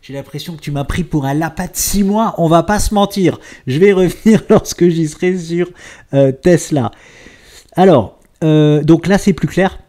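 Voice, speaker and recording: A man's voice: on the high side, normal speed, mellow. A man casually commenting on trading charts, chatty and playful, often interrupting himself with asides. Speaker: stock market analysis youtuber.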